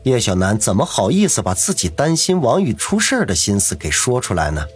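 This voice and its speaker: Husky low-voiced male audiobook narrator. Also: a little fast, faint music behind. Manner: steady storytelling, doing every character.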